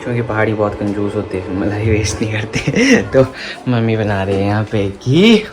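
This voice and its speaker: Speaking at a moderate pace in an expressive, lowish voice, a young man hosts a home vlog for his family channel. He talks straight to his audience in a relaxed, teasing way while crickets chirp loudly behind him.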